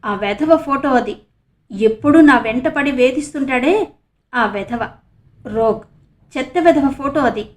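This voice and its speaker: A woman's voice: high voice, normal speed, pitched above the performer's own voice, natural voice. A woman voicing a young female college student who tells her story tearfully and bitterly. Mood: resentful. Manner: tearful, resentful. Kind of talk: audiobook character reading.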